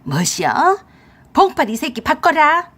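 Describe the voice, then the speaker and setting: A woman voicing a sharp-tongued older mother-in-law who scolds loudly in a radio-drama story reading. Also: huge pitch swings, unhurried, breathy edge, full character voice. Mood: furious. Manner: shrill, scolding.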